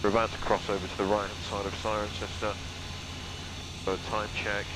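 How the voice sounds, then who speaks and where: Low-voiced male pilot over the radio, engine noise. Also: level tone, fairly quick. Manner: pilot over the radio, clipped procedural checks. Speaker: student pilot. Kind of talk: in-cockpit talk and pilot radio calls. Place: small microlight aircraft cockpit in flight. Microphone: headset. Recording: engine-noisy cockpit intercom. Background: aircraft engine drone.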